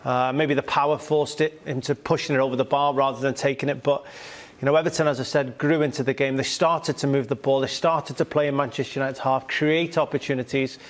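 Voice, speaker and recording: A man giving measured, conversational football match analysis as a studio pundit. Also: medium pitch, fairly even intonation.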